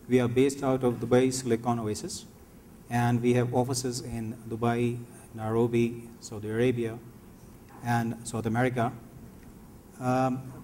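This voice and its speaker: A man's voice: medium pitch, mellow, slight background noise. A company director introducing his firm on a conference panel, explaining steadily with frequent fillers.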